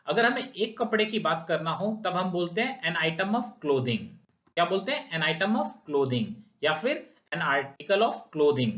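An Indian man teaches English grammar with a lively, rising-and-falling voice that sits a little high. He keeps asking and answering his own questions and slows right down to read each example sentence. The sound is roomy and a bit muffled. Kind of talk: grammar lesson explaining rules with examples. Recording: echoey room, dull lo-fi sound.

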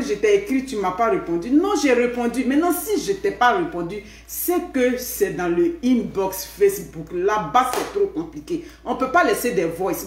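Middle-aged woman, Ivorian French accent, chatty live-stream host, keeps asking "hmm?", echoey room at home. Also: medium pitch. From Ivory Coast. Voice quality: lively, punctuated by questioning "hmm?". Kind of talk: casual live chat.

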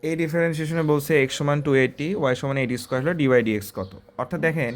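Racing along in a slightly high voice, a man tutors math by working through exam problems step by step. He keeps it conversational and frequently checks in with the student using short questions.

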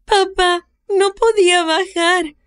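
Woman putting on a high frightened little girl. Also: animated, unhurried, sharp tone, exaggerated voice. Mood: pleading. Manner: high pleading childlike voice.

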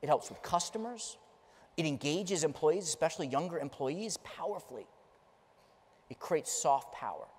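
A middle-aged man gives an emphatic, story-driven conference keynote, gesturing as he moves around a large stage. His fairly high, darkish voice is expressive and moderately paced, with the long reverb of a big hall around it.

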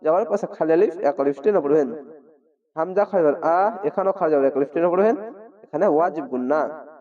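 A man teaching Quran reading, spelling each word letter by letter and drawing out the syllables in a slow, patient lesson. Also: a little high. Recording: dull distant mic.

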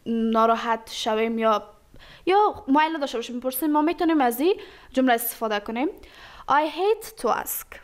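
A woman whose voice sits high teaches English phrases; she says every example with slow care, then moves quickly through the explanation.

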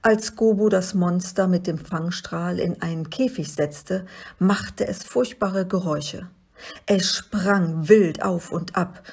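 Woman with a gravelly, husky voice reading. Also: on the low side, a little mellow. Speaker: reader. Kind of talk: storybook reading aloud.

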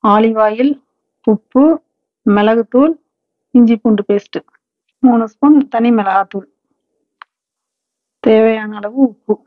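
A woman hosting a home cooking channel, calmly walking through each step and ingredient. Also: a little high, takes it slowly, long pauses, dry recording, phone-quality sound. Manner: calm, instructive, listing ingredients steadily. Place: home kitchen.

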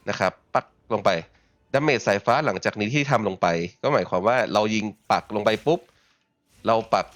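A man with a fairly low voice talks through a game build at an easy, unhurried pace, full of small filler words. His close desk mic sounds very dry, with no room around it. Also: no echo. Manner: relaxed, chatty, frequent filler particles. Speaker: gaming channel host. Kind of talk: casual game build walkthrough.

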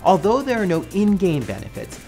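Brisk and sing-song, his voice sits high but has a dark tone and some vocal fry. The American man in his thirties hosts a web show, giving a scripted video essay to camera with emphatic, wry, conversational energy. He's on a small indoor studio set, music bed underneath.

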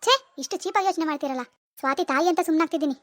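A woman's voice: sits high, very fast, no echo, lightly acted. A woman voicing a grieving, defensive mother-in-law in a cartoon. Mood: indignant. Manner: wailing laments, then stern rebukes. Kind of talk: animated cartoon voice acting.

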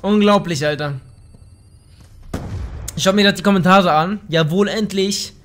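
A young man giving live commentary over his shooter gameplay, excitable and slangy, often swearing in annoyance. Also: high voice, unhurried, slight background noise. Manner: slangy, says "Alter" a lot. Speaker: let's play gamer. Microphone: gaming microphone.

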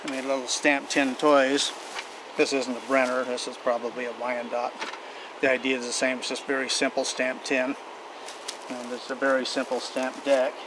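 An older man talks in a folksy, rambling way, circling back and restarting his sentences as he shows off old gear. His voice stays flat and even throughout. He is recorded outdoors in a backyard by a camera several feet away, with a constant background hum under his voice. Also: mid-range voice, moderate pace, distant mic. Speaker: vintage equipment collector and channel host. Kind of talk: casual show-and-tell talk. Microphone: camera mic from several feet away.

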